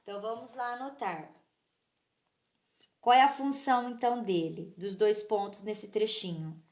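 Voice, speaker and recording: A woman's voice: mid-range voice, moderate pace, a little mellow. A woman teacher explains a literacy lesson patiently and keeps checking whether her pupils understand.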